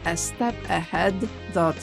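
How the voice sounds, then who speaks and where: A woman from Poland with a Polish accent, hosting a podcast with a measured, deliberate delivery. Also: lowish voice, creaky, music in the background. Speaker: podcast host. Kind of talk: scripted intro and interview questions.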